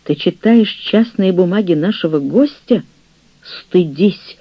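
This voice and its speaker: A man reading an audiobook, voicing an earnest, proud young gentleman who speaks with indignation. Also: sits high, slow, husky, no room sound, muffled recording, exaggerated voice. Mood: indignant.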